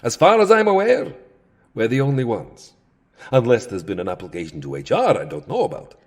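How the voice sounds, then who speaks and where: In a comic audio drama, a man voices a tired, settled vampire count with theatrical wryness, turning boastful, then petulant, then self-deprecating. He sounds sardonic, his medium pitch swooping wildly as he talks a little fast.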